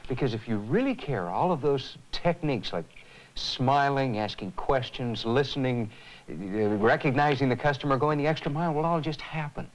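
A man starring in a 1980s educational film speaks earnestly about the things he has learned, reflective and with lively intonation. His voice is medium-pitched at a normal speed, heard in a low-quality recording.

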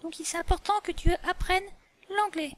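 A woman voicing a patient, slightly muddled female animal schoolteacher in a toy play, slow and didactic with many fillers. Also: very high voice, steady tone, no echo. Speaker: teacher. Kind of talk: toy role-play lesson.

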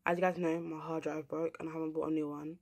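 A woman's voice: deep voice, level tone, fast talker, creaky, a little mellow. A young woman from England, ranting casually to camera as a vlogger, rambling and swearing bluntly.

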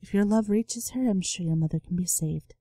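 A woman voicing a calm, mysterious salesman in a low, quiet, measured voice. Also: dry recording, lightly acted. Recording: game music underneath.

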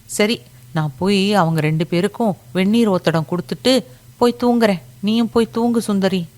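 A woman's voice: medium pitch, normal speed, darkish tone, pitched above the performer's own voice, close to an everyday voice. A woman voicing a flustered young village woman who talks her way past a neighbor's questions in a storybook reading. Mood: evasive. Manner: flustered, brushing things off. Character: Lakshmi, anxious young village woman covering up.

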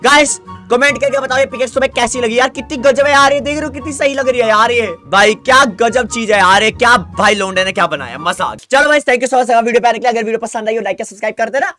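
Excitable young man narrating Minecraft play. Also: very high voice, fast, hardly any pauses, soft background music. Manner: excitable, chatty, talks to the game. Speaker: gaming YouTuber. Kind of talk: Minecraft let's-play commentary.

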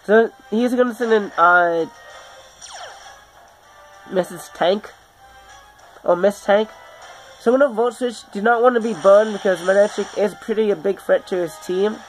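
A man who is sick, hosting his gaming channel and giving halting, self-correcting video game commentary over faint background music. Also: high voice, low-quality recording. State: sick, under the weather.

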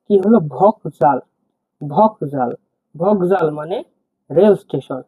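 A teacher giving a slow, step-by-step language lesson, saying each word several times. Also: medium pitch, lively intonation, mellow, husky, no echo. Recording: muffled phone-like dry sound.

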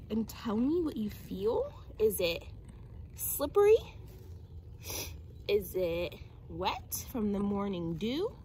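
Recorded on a handheld phone at arm's length in a residential yard, this woman in her twenties talks to young children with simple sing-song phrases and questions, much like a teacher on a nature walk. Her voice is on the high side, and the audio is poor with slight background noise.

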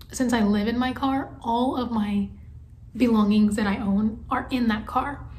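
Holding her phone camera at arm's length, a vlogger in her twenties talks openly in a casual video, starting in her parked car before moving to an indoor room. She comes across as chatty, candid and a bit nervous, her voice slightly high, with some hiss or hum.

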